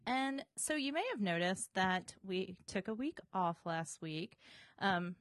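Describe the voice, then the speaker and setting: A woman's voice: medium pitch, lively intonation, unhurried, a bit bright, no echo, clean studio sound. A woman hosting a bookshop podcast in an informal, chatty style. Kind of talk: casual podcast chat.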